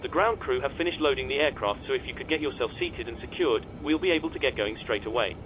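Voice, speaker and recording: A man voicing a calm airline captain making a scripted welcome announcement to passengers over the cabin intercom, reassuring and evenly delivered. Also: medium pitch, quick pace, lo-fi sound, noisy background.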